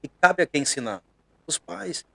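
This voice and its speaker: A middle-aged man from Bahia with a Brazilian accent, a pastor preaching conversationally on a podcast, earnest and emphatic, often pausing to hesitate. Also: fairly high pitch, expressive, gravelly, fairly bright tone, breathy edge, no room sound.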